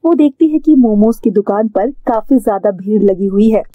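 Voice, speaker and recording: A woman telling a cartoon story in an even, scripted storybook narration. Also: medium pitch, normal speed, dry recording. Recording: dry, phone-like narrow sound.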